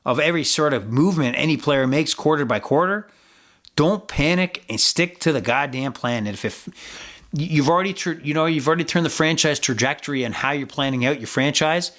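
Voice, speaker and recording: A man's voice: mid-range voice, a bit bright. Male podcast host, loose sports-betting chat, curses freely, meanders between points. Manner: rambling, swears freely, frequent fillers and restarts.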